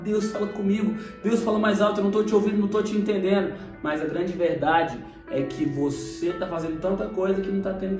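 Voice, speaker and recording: A young man with a Brazilian Portuguese accent giving a casual, animated sermon to camera, acting out Bible scenes. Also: sits high, recorded from a distance. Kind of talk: casual preaching video. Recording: echoey room, voice off-mic, faint music.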